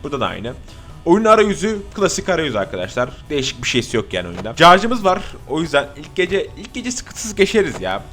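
Man, gaming streamer, jokey and excitable, swears often, lively swinging voice, a bit high. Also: a little fast, faint music behind. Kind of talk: casual horror gameplay commentary.

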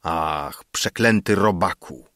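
A man voicing a cruel, sinister old male alchemist with a hoarse, hollow, thundering voice and a gloating, snarling manner. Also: sits low, slow pace, a bit bright, dry recording, studio quality.

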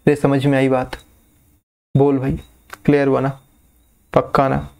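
A man teaching chemistry in a casual classroom style, repeating key terms slowly and often checking that students follow. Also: medium pitch, completely flat delivery, gravelly, a little mellow. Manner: coaxing, checks understanding often.

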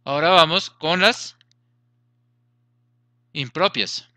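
Slow, bright-voiced male teacher. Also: a little high, dry recording. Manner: patient, repeats and checks students follow. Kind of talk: grammar lesson explanation.

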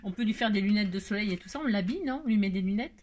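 Speaking very fast in a darkish, medium-pitched voice, a French woman leads a chatty crafting tutorial. She mutters and talks to herself as she works, letting out exasperated sighs and little laughs, with a bit of hiss or hum audible.

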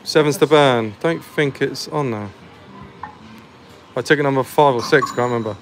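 A man's voice: mid-range voice, normal speed. A young man, the host of a gambling channel, chatting casually and swearing as he plays the slots, often mocking himself. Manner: laid-back, swearing, self-mocking. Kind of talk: casual commentary on slot play. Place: arcade or bookmaker's with slot machines. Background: slot machine music.

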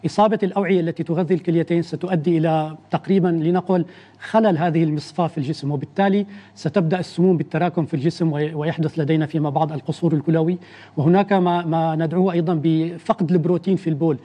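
A man, an internal medicine doctor, explaining medical facts in a measured way on a TV interview, often restarting his sentences. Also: a little high, fairly even intonation, warm tone.

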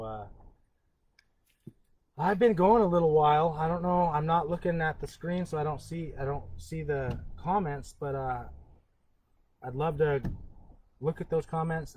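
A man from Northern California giving a live-streamed educational talk as a cultural educator. He speaks in an earnest, halting way, with frequent pauses and restarts. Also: fairly high pitch, a little mellow, a little hiss or hum, poor audio.

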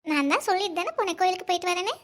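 A woman's voice: very high-pitched, animated, very noisy. A woman voicing a bossy, teasing young big sister in a cartoon. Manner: brisk and teasing. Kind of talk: cartoon voice acting.

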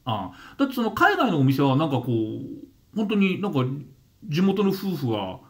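A man's voice: a little high, huge pitch swings, moderate pace. A man in his fifties from Gunma, Japan, hosting his own channel and telling a story to camera in a casual monologue. He often restarts and repeats words, and briefly mimics the people he describes. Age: 50s. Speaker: channel host.

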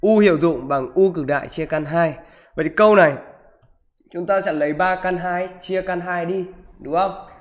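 In his live online physics lesson, the high-pitched teacher goes through exam questions at normal speed. He constantly checks on students after almost every sentence, repeating "được chưa?" and "đúng không?".

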